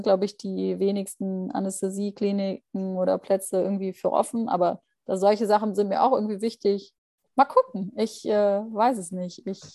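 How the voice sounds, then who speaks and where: A woman's voice: mid-range voice, mellow, no room sound, clean studio sound. A young woman, a junior doctor being interviewed, answering thoughtfully with many fillers and restarts. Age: young adult. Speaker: guest, junior anesthesia doctor.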